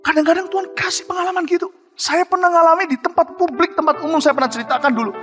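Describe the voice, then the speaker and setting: A high-voiced man in his forties preaches at a quick clip in a large hall, his words trailing off in long reverb. He swings from loud exclamations to low, hushed passages. Faint music plays underneath. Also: steady tone. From Indonesia. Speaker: pastor. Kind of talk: sermon.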